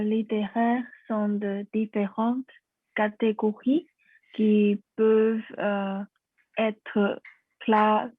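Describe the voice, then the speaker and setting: A woman's voice: medium pitch, dry recording. A woman reading a French text aloud hesitantly, breaking off mid-word, over tinny video-call audio.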